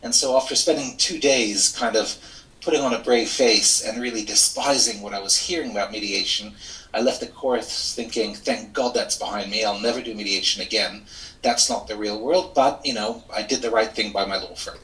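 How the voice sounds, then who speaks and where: A middle-aged man from Switzerland speaks in a low, crisp and bright voice, telling his story with candid, self-deprecating ease. He sits well back from the microphone on a video call. The room rings with echo around him. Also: normal speed. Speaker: interviewee, lawyer and mediator. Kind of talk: reflective interview storytelling. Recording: echoey room, distant from mic.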